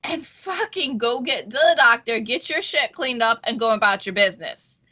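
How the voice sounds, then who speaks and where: A woman's voice: fairly high pitch, animated, normal speed, bright, forceful tone. A woman co-hosting a podcast, chatting casually, ranting crudely and swearing heavily. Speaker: podcast co-host. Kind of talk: casual chat.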